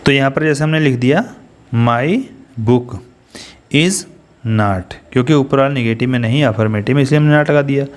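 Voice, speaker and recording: A man's voice: mid-range voice, normal speed. A man with an Indian accent teaching an English grammar lesson, explaining step by step and asking his students questions as he goes.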